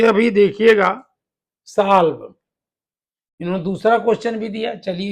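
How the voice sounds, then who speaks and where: A male math teacher with a noticeably high voice walks through each step of a problem. He talks slowly and patiently, spelling terms out letter by letter as he goes. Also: creaky. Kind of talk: classroom lesson explanation.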